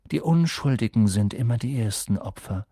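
A man giving voice to a melancholy centaur who speaks slowly and in riddles, a little raised and gravelly. His husky tone sits close and dry. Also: mid-range voice, expressive, dark tone, no echo. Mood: solemn. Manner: slow, solemn, evasive. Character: melancholy male centaur, slow and cryptic. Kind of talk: audiobook character voice.

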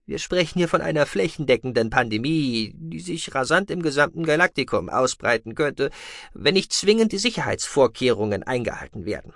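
A man's voice: medium pitch, big pitch swings, a little fast, fairly bright tone, dry recording, studio quality. A man voicing a nervous but determined male alien doctor in a science-fiction audiobook, talking earnestly. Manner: nervous, then theatrically earnest.

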